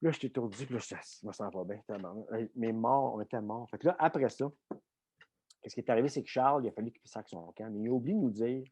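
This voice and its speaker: A middle-aged man with a Québécois French accent, telling a lively anecdote in a podcast interview, full of fillers and swearing. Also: medium pitch, fast, breathy edge, no room sound. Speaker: guest coach and former Olympian. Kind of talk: casual storytelling in a podcast interview.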